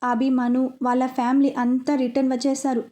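A woman narrating a serialized heart-touching story at a steady, even pace. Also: high-pitched, fairly quick.

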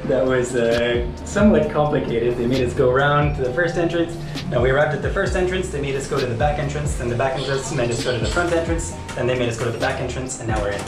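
A man's voice: medium pitch, quick pace. A man in his thirties, a travel vlogger, talking casually and enthusiastically to a handheld camera held at arm's length outdoors. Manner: chatty, enthusiastic. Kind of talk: casual vlog narration. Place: outdoors on a city rooftop and streets. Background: background music.

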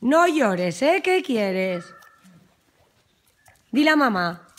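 A woman's voice: fairly high pitch, sing-song, drawn-out words. Woman cooing at her dogs, Spain. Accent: Spanish from Spain. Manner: coaxing baby talk to the dogs. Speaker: vlogger, dog owner. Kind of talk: casual talk to pets.

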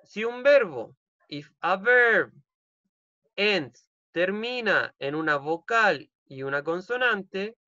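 Over a video call, a male English teacher with a Chilean accent gives a class from home, echoing each rule in Spanish with frequent "ok?" checks. His high-pitched delivery is slow, lively in intonation, pushed and bright. The computer mic yields dull audio with no room sound.

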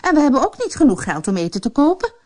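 A woman's voice: sing-song, fast talker. A woman voicing a cold, scheming stepmother in a storybook reading, speaking sharply and scolding. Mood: angry. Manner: sharp, scolding, higher than her narration.

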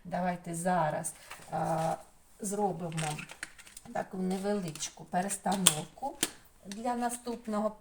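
Slow sing-song kindergarten teacher woman. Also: on the low side, fairly even intonation, background noise. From Ukraine. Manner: slow, sing-song, drawn-out sounds and syllables. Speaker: preschool teacher. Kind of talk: slow phonics lesson for young children. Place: home, distance lesson.

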